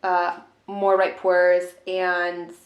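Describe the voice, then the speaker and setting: A woman's voice: lowish voice, monotone, drawn-out words, lo-fi sound. A woman vlogger chatting casually through an unboxing, in an informal, rambling and musing way. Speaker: tea vlogger. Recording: roomy, echoey room sound.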